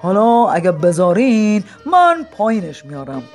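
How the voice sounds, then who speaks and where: A reader voicing an old man, a retired politician, who speaks slowly in flowery formal phrases. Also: mid-range voice, big pitch swings, music in the background, natural voice. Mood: plain. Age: older. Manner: slow, flowery, formal address.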